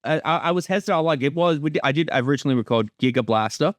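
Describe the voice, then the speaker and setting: A man with a slightly high, animated voice talks very fast, casually commenting on an episode of his own show and often doubling back on his opening words. The audio is studio quality with no echo.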